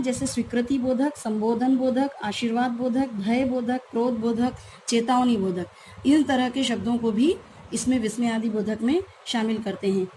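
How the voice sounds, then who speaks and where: A woman's voice: on the high side, mellow, a little hiss or hum. A woman teacher giving a grammar lesson to schoolchildren, explaining patiently and repeating key terms.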